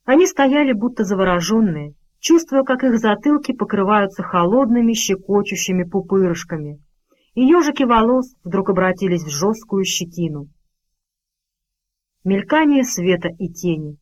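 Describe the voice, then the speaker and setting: A woman's voice: medium pitch, animated, moderate pace, low-quality recording. A woman narrates an audiobook in a mid-range voice. She reads expressively and leans into the drama of each line. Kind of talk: scripted narration.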